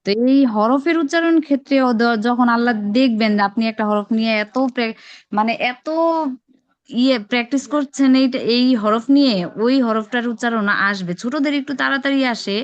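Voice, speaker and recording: Patient woman teacher drilling letters. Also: on the high side. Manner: patient, repeats drills slowly and encourages students. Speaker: Arabic reading teacher. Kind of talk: online class teaching Arabic letters. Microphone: online call microphone. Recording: dull lo-fi online call audio.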